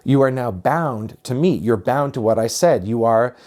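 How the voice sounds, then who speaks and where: A man of ordinary, mid-range pitch talks through spiritual ideas in a calm, reflective way. He takes his time and circles back over phrases for emphasis, like a teacher guiding his listeners. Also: normal speed.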